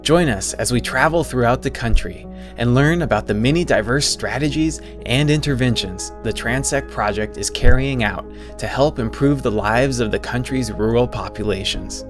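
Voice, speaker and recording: A man's voice: mid-range voice, normal speed, few pauses. Male documentary narrator over music.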